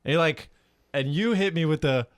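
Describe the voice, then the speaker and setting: A man's voice: on the high side, moderate pace, smooth, dry recording, clean studio sound. A young man co-hosting a podcast, telling a story in a teasing, laughing way with lots of restarts. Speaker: podcast co-host. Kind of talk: casual chat. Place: podcast studio.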